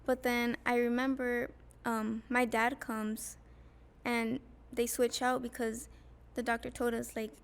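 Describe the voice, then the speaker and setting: A young woman, telling a personal story in casual chat as a podcast guest, soft-spoken and full of fillers. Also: on the high side, little pitch movement, unhurried, gravelly, clean tone.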